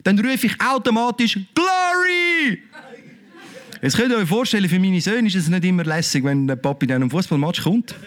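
A high-pitched middle-aged man preaching with a Swiss German accent. His delivery is fervent and exclamatory, full of cries of praise and rhetorical questions to the congregation. He speaks as a pastor in the middle of a sermon. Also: quick pace, few pauses.

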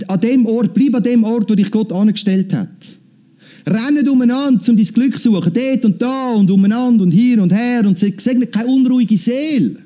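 A male preacher delivering a sermon in a fairly high voice with a deep, mellow warmth. He presses his points home through repetition and calls out amen and hallelujah along the way. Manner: emphatic, repeats phrases, calls out amen and hallelujah.

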